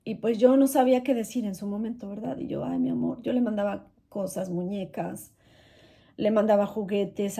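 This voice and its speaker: Her voice sits in the mid range, creaky and mellow with a slight roughness. As a channel host, this middle-aged woman gives an emotional testimony about something painful, earnest and hurting, circling back to the same points again and again.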